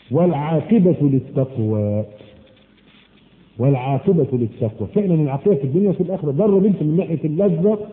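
A man preaching a sermon in Egyptian colloquial Arabic, switching between lively everyday talk and slow, drawn-out recitations. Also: a little high. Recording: echoey hall, tinny phone-like sound.

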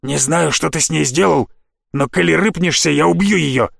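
A man reading an audiobook, voicing a furious, sarcastic male assassin with a rough, gravelly, aggressive delivery. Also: a little high, normal speed, fairly bright tone, no room sound, clean studio sound, exaggerated voice. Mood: enraged.

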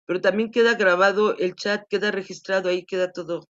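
A woman teacher patiently explaining class rules to students during an online class, repeating points to make them clear. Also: mid-range voice, fairly even intonation, a little fast, a bit bright. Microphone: video call. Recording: dull lo-fi video call audio.

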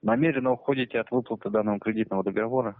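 A man's voice: lowish voice, fairly even intonation, very fast. A man working as a bank debt collector, speaking in a stiff, insistent, bureaucratic way over a crackly phone line. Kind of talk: formal phone call.

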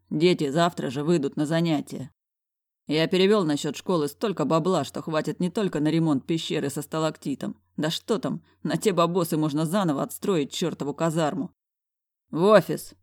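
A woman reading a first-person audiobook narration in a wry, even storytelling manner. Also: sits low, dry recording, clean studio sound.

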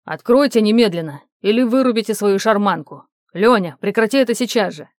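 A woman voicing an angry middle-aged father who shouts demands, in an audiobook. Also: mid-range voice, expressive, a little fast, no echo, clean studio sound, natural voice. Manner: loud, demanding.

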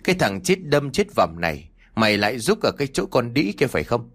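A man's voice: mid-range voice, very animated, a little fast, fairly bright tone, breathy edge, exaggerated voice. A man voicing an old village mother who scolds her son in long, shrieking tirades. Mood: scolding.

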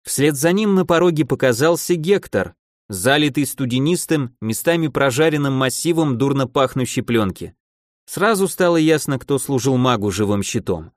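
A man reading a fantasy novel aloud as audiobook narrator, lively and voicing the characters himself. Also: mid-range voice, moderate pace, dry recording, clean studio sound. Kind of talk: scripted narration.

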